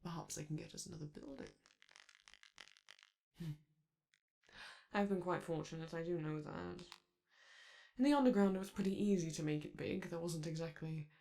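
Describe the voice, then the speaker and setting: Lightly acted in a mid-range, gravelly, somewhat mellow voice, a flamboyant male robot TV star, vain and charming, talks theatrically and flirts with the listener. It's a performer's romantic audio roleplay.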